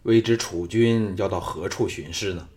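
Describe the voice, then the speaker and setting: A man's voice: moderate pace, a little mellow, close to an everyday voice. A man reading as a cold, scheming old minister. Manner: low, cold, restrained speech. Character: scheming older male chief minister, cold and menacing. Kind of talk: audiobook character reading.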